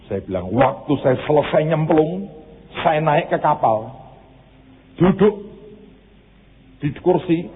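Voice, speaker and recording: A man's voice: a little high, expressive, takes it slowly, pauses often, phone-quality sound, a little hiss or hum. A man preaching a sermon as pastor, moving between preaching and a casual, storytelling anecdote.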